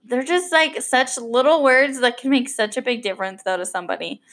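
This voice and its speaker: A woman's voice: sits high, fairly quick, a bit bright. Rambling young woman hosting a podcast. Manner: rambling, with many fillers and restarts. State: a little choked up. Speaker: podcast host. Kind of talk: unscripted casual podcast monologue.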